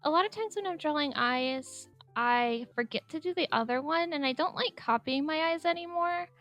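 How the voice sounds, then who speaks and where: An artist narrates her speedpaint in a casual voice-over at normal speed, using a high, light voice pitched above her usual one for the mic. She rambles, giggles a lot and says "like" constantly, while soft music plays faintly underneath.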